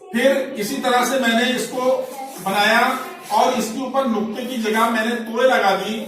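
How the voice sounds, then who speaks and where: A man's voice: extremely high pitch, steady tone, a bit bright, soft background music. A man teaching Urdu letters in a classroom, explaining patiently and often checking "ठीक है?". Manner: slow, explanatory, repeats each letter with example words and checks "ठीक है?". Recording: very echoey room, mic far off, faint noise.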